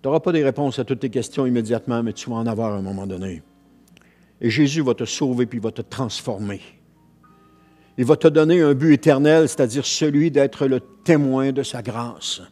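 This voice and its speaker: Quebec French pastor preaching a sermon. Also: male voice, medium pitch, moderate pace, dark tone, faint music behind. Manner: earnest preaching with repeated phrases and restarts.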